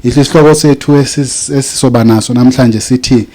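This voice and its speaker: A man's voice: medium pitch, fairly even intonation, fast, mellow. A man with a South African accent and native Zulu, preaching and reading scripture to introduce a lesson.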